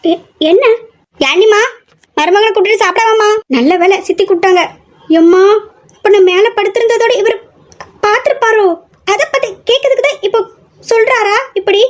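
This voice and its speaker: Brief: woman as a shy, evasive young wife, very high-pitched, nervous rambling. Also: normal speed, long pauses. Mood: anxious. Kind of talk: audio drama acting.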